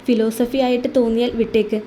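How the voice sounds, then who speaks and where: A feisty young wife in a storybook romance, voiced by a woman narrator. She answers back quickly and speaks her mind. The voice is high and soft-toned. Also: flat delivery, slight background noise, close to an everyday voice. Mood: reflective. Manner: sassy, quick retorts, thoughtful. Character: spirited young wife, sharp-tongued and loving.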